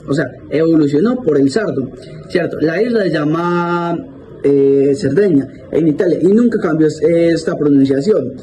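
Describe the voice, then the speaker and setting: A young man with a Colombian accent walks through a lesson in a relaxed, informal way, stumbling and restarting as he goes. His voice sits a little high but sounds soft and mellow. A faint hiss of room noise runs under the recording. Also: poor audio. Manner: casual, restarts often, asks ¿cierto? for agreement.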